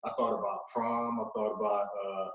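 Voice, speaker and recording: With a lowish voice, flat delivery, and normal speed, a radio personality in his forties, an American from Florida, chats casually as a podcast guest. He tells interview-style stories, repeating words for emphasis, and the recording has a very echoey, roomy sound.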